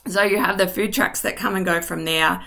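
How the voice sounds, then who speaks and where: A woman with a medium-pitched, slightly bright voice and vocal fry, who is losing her voice and a little short of it, narrates a map tour over screen share. She's a real estate agent, speaking in a friendly, informal way with ums and asides.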